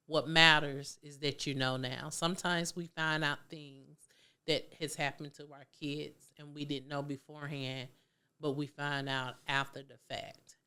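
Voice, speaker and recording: Low-voiced woman giving earnest parenting advice. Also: sharp tone, smooth. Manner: preachy, emphatic, colloquial, acts out kids' voices. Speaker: parenting talk host.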